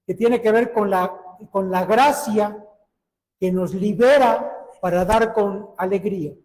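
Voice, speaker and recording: A man preaches a sermon, earnestly putting direct questions to his listeners. His voice sits very high for a man. The recording carries the long reverb of a hall.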